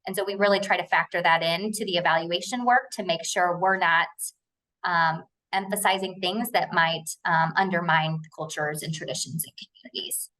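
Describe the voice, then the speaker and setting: A woman guest speaker answering audience questions after a research talk, explaining earnestly with frequent pauses and fillers. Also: fairly low pitch, fairly even intonation, bright, forceful tone, rough recording.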